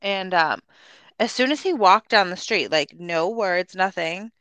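Bright, excited woman podcast co-host. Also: lowish voice, a little slow, dry recording. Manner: excited storyteller, laughs often. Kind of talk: casual chat.

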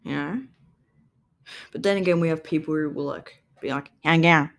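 A young Australian man with a voice on the high side, gravelly and a little mellow, talks at normal speed. He hosts a solo podcast, meandering through a casual monologue packed with ums and likes. His home microphone sometimes catches him turned away.

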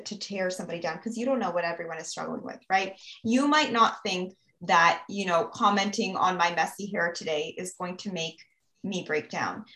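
A woman's voice: lowish voice, a bit bright. Earnest woman giving advice, roomy sound. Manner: earnest, advising, frequent "you know" and "right?". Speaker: guest speaker on mental health. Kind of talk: casual podcast conversation.

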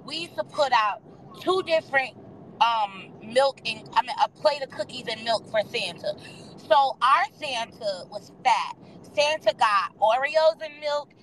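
Animated woman telling a story. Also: high voice, a little hiss or hum, rough recording. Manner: animated, dramatic storytelling, addresses listeners as y'all. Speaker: guest. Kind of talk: casual storytelling chat.

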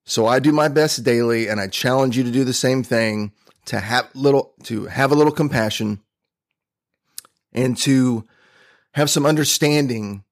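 Man, podcast host, mid pitch, earnest, conversational motivational talk. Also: normal speed. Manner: earnest, conversational, with fillers and restarts. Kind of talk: motivational storytelling monologue.

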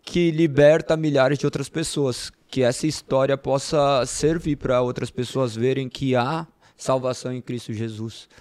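A man's voice: mid-range voice, fairly even intonation, moderate pace, hardly any pauses, a little mellow, dry recording. Man interviewer with a dry close sound. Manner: asks short follow-up questions, offers reflections. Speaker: host. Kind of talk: faith interview.

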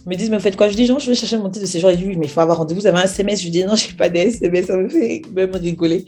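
A woman's voice: mid-range voice, racing, faint music behind. A young woman telling a personal testimony as a story, acting out the quoted dialogue as she goes. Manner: animated retelling with acted-out quoted dialogue. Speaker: speaker sharing a personal testimony.

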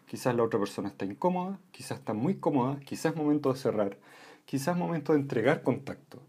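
Man, voice coach, warm dark tone, slightly husky, calm teaching. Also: medium pitch, fast. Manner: calm, with frequent "¿m?" and "¿ya?" check-ins. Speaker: voice and communication instructor. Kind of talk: explanatory lesson.

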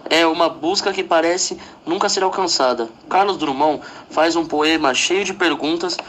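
A man's voice: on the high side, slight background noise. Man reading a school poem analysis. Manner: reads aloud from a prepared text, steady and measured.

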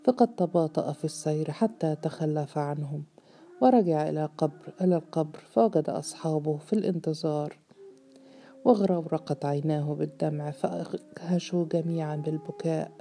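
A woman narrating a novel as an audiobook, in a steady, measured storytelling voice. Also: sits low.

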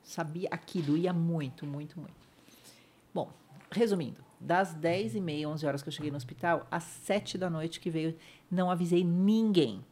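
A middle-aged Brazilian woman with a somewhat low voice tells her story as a podcast guest. She acts out the voices of the people in it and lets her voice sink to a near whisper when it hurts. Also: normal speed. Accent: Brazilian Portuguese. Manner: vivid retelling, acts out others' lines, drops to a hush at painful moments. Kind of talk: emotional personal storytelling.

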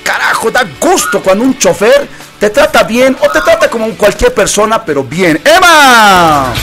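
High-voiced Bolivian radio host man. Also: very animated, normal speed. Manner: jokey, playful, slangy, reads ads and phone numbers. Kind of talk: casual radio banter and read ads. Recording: radio show with loud music bed.

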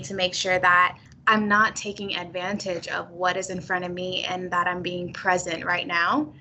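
Give me a bright-sounding young woman, upbeat and expressive, chatting as a guest over a faint background hum. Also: medium pitch, poor audio. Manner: upbeat and expressive, laughs often. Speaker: guest, university staff member and new lecturer. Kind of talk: conversational interview.

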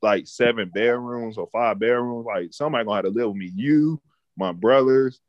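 A man in his twenties chats casually at normal speed in a medium-pitched voice, rambling and swearing and often repeating words as he starts a thought. The audio is dull, with no echo.

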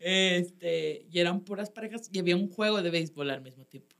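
A woman's voice: on the low side, brisk, vocal fry. Chatty Mexican woman comedian, laughing often. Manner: animated storytelling, laughing often, heavy slang. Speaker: stand-up comedian, guest. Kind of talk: casual podcast chat.

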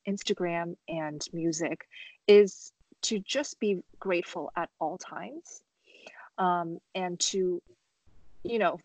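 A woman's voice: on the low side, no room sound, rough recording. Young woman guest from China, easygoing filler-laden chat, dry close sound. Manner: casual, many fillers and hedges. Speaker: guest musician. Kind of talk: podcast interview.

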